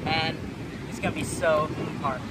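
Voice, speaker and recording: A man's voice: on the high side, fairly even intonation, a little slow. A teenage male host eating sour candy as he talks casually to the camera outdoors on a beach, picked up by a camera a few feet away. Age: teens. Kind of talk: casual challenge vlog to camera. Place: sandy beach dunes, outdoors. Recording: windy outdoor camera mic, loud background noise. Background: loud wind and ambience.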